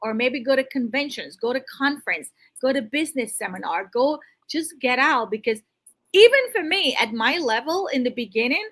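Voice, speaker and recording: Emphatic higher-voiced woman, natural unscripted talk. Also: animated, moderate pace, a bit bright. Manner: natural unscripted talk, restarts mid-thought; emphatic, motivational, addresses listener directly. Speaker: financial coach guest. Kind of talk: conversational interview advice.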